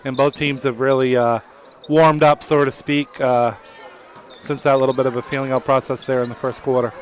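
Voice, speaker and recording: A man giving color commentary on a high school basketball game, easygoing and pausing often on "uh". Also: little pitch movement. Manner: easygoing, frequent "uh" pauses.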